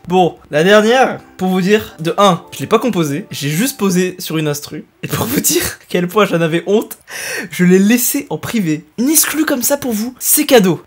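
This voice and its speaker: A young man chatting casually to his viewers, self-mocking and hesitant with many fillers. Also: on the high side. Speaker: youtuber. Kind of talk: casual vlog talk to viewers.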